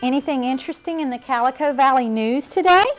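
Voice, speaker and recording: A woman's voice: sits high, quick pace, over loud music, natural voice. A woman voicing a cheerful young girl clown in a children's cartoon, with a bubbly, wide-eyed manner. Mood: fond. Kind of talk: children's show character acting.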